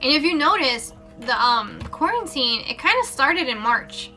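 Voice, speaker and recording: A woman's voice: sits high, very animated, a little slow, pushed and bright, faint music behind. A woman with children doing a casual, rambling spiritual card reading live, with plenty of fillers and self-corrections. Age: adult parent. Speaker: tarot reader.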